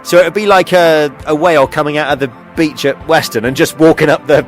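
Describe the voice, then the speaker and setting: A man's voice: on the high side, steady tone, a little fast, soft background music. A man hosting a local radio show, reading out odd news stories in a casual, joking way with frequent chuckles and ums. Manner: chuckles often, lots of ums and uhs. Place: radio studio.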